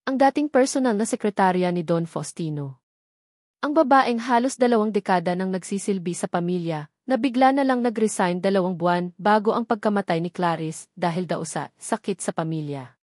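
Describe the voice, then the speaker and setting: A woman narrates a scripted dramatic story in a medium-pitched, slightly mellow voice, animated and at a moderate pace. The studio sound is clean, with no room sound.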